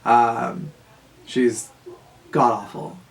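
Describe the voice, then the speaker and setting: A man, telling a casual, profane story in a rambling monologue full of fillers and quick laughs. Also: mid-range voice, fairly even intonation. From Southern California. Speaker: vlogger.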